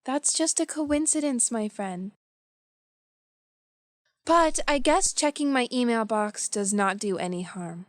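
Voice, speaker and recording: A woman speaking slowly and carefully in a scripted beginner English dialogue. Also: on the high side, lively intonation, no room sound, clean studio sound.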